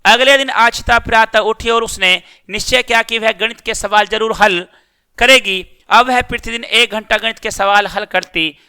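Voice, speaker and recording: Bright high-voiced male teacher explaining a lesson. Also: clean tone. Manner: reads story passages, then explains them in simple words. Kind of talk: reading and explaining a school lesson.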